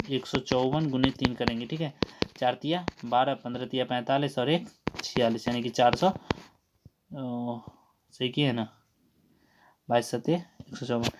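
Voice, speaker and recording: Man briskly working math problems aloud. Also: mid-range voice, noisy background. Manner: brisk, repeats "theek hai" constantly; works sums aloud in a running drone. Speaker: math teacher. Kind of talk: exam answer walkthrough.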